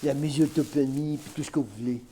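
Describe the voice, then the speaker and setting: Rambling Québécois man, mellow low-key voice. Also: steady tone, fast talker, a little hiss or hum. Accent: Québécois French. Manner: rambling, filler-heavy, frequent "hein" and "man". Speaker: vlogger. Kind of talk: unedited casual monologue. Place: at home, smoking on camera.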